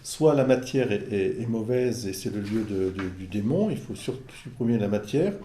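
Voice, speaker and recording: Priest, reflective commentary, halting, repeats words, dark mellow tone, roomy echo. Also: mid-range voice, expressive, slight background noise. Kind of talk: conversational commentary.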